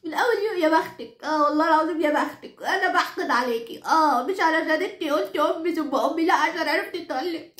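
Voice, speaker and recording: A woman's voice: high voice, fast, hardly any pauses, fairly bright tone, roomy sound. A woman playing a nagging Egyptian grandmother of nearly ninety who is henpecked by her husband. She rants in an Egyptian Arabic accent, scolds, repeats herself and swears exaggerated oaths. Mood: scolding rant. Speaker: comic character monologue. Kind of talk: comic rant to the audience.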